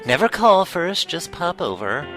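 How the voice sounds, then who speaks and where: A man tossing off dry, sarcastic quips over a film. His voice sits a bit high and leaps all over the place. Loud soundtrack music plays beneath him. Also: sing-song, a little slow. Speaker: movie riffer. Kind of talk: comedic riff commentary over a film.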